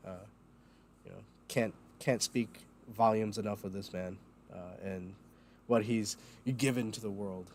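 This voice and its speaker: Fairly low, steady and a little mellow, this host's voice comes slightly slowly over a faint hiss or hum. He rambles through his laid-back livestream with many ums and uhs, sounding loopy and foggy and chuckling at himself.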